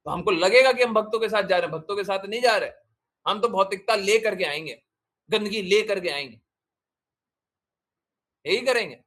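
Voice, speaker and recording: A man's voice: high voice, normal speed, pauses often, fairly bright tone. A man, a spiritual teacher, giving a devotional talk and answering questions, emphatic, repeating phrases and asking rhetorical questions.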